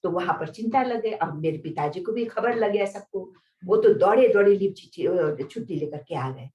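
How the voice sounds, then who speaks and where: A woman's voice: on the low side, expressive, normal speed, mellow, highs cut off. An older woman from Nepal, a senior spiritual teacher, telling her life story to a gathering. She acts out the people she quotes and often adds little tag questions. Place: indoor meditation centre hall. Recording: roomy hall, voice picked up from a distance.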